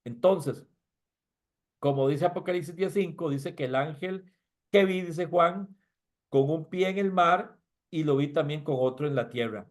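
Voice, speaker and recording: A man's voice: a little high, unhurried. A middle-aged male pastor teaching a Bible class in an earnest, explanatory way, often repeating and restarting phrases.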